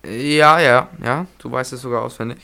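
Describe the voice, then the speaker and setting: A man's voice: mid-range voice, normal speed, gravelly, pushed and bright, clean tone. A young man co-hosting a podcast in casual, slangy chat sprinkled with English interjections. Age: young adult. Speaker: podcast co-host.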